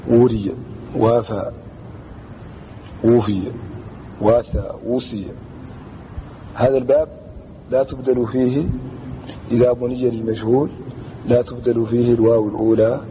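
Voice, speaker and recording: A man teaching a traditional Arabic grammar lesson, explaining slowly and deliberately and chanting lines of verse as he repeats them. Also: mid-range voice, fairly even intonation. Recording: dull lo-fi recording with faint background noise.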